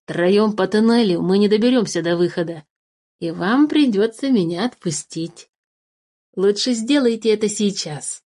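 A woman voicing a sly, greedy male dwarf who guards cave treasure, with a wheedling, drawn-out manner, in a storybook reading. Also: mid-range voice, mellow, natural voice. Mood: mocking.

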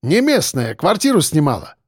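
Man playing a hot-tempered cafe owner, high voice, swinging pitch, audiobook. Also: wildly swooping pitch, moderate pace, breathy edge, dry recording, studio quality, heavily acted. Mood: animated storytelling. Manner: loud, pleading, gesturing.

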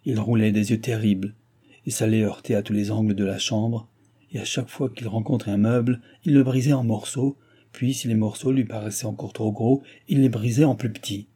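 A man narrating a classic novel as an audiobook, in a steady storytelling cadence. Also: lowish voice, brisk, breathy edge.

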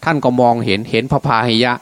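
A man's voice: medium pitch, fast. Man, a monk telling a sermon story. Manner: colloquial, acts out dialogue in his own voice. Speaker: Buddhist monk giving a Dhamma talk.

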